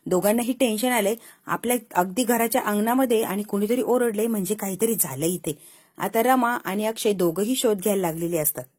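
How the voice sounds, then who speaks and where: A woman's voice: medium pitch, a little fast, a little mellow, husky. A woman retelling a TV serial episode in a casual storytelling manner, voicing the characters' lines herself. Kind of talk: casual storytelling recap with acted dialogue.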